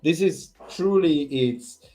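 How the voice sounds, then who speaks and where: A man's voice: fairly high pitch, takes it slowly, dark tone. A man, hosting a fan channel, giving an exasperated, repetitive post-match rant full of swearing.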